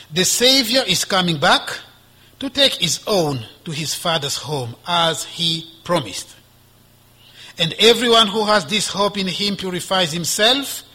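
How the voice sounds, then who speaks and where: Male preacher, high bright husky tone, slow deliberate sermon delivery with emphatic swells. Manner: asides with soft laughter. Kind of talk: sermon with scripture reading.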